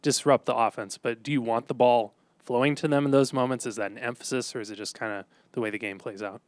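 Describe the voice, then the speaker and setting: Guy reporter asking questions quick, dry close sound. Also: medium pitch, steady tone, dry recording. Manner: direct, conversational questioning. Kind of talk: press conference question.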